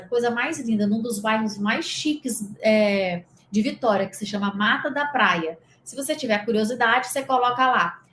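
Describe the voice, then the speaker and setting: A Brazilian woman from the interior of Espírito Santo, working as a spiritual coach, leads a casual guided lesson in Brazilian Portuguese, chatting and rambling as she speaks directly to the listener. Her voice is on the high side. The room is echoey, with slight background noise.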